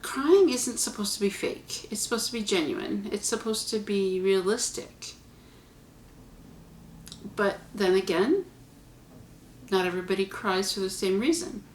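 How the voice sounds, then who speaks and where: A woman talks straight to her viewers in an earnest, chatty way as the host of her own vlog. Her voice sits at an ordinary middle pitch and rings a little off the walls of the room. Faint background sound hums underneath. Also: expressive, unhurried, long pauses, echoey room, a little hiss or hum. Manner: conversational, earnest, chatty asides. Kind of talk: casual spoken reflection to camera.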